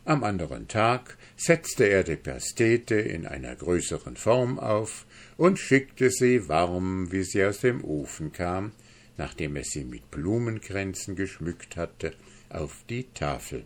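A man narrating a fairy tale in a measured audiobook reading. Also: low voice, sing-song. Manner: measured, storytelling.

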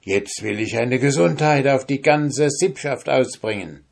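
A man voicing a bold, hungry soldier in a fairy tale, loud and boisterous. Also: medium pitch, measured pace, gravelly, pitched above the performer's own voice. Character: bold hungry male soldier, cheeky and fearless.

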